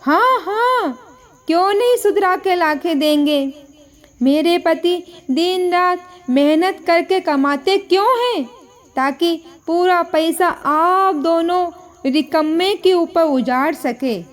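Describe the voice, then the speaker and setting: A bitter young daughter-in-law shouts her complaints in a high, sharp voice, as a woman narrator puts her on. She sounds accusing and fed up, a storybook scold who spits every word. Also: slow. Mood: angry.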